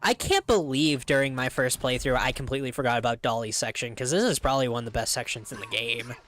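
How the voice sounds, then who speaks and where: A young man giving casual, excited, rambling commentary while streaming a game, laughing often. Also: mid-range voice, quick pace.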